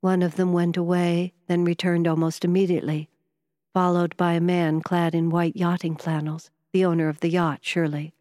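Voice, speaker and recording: A woman reading a first-person novel aloud in a measured, even storytelling manner. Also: lowish voice, no room sound, studio quality, big-room sound. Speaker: audiobook narrator.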